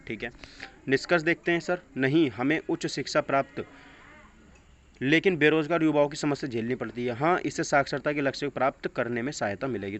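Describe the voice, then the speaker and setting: An exam coaching teacher gives a test-prep lesson, reading questions and answers aloud in an instructional manner and mixing in English phrases. His voice is mid-range and a bit bright, and the lo-fi audio is dull with clear background noise.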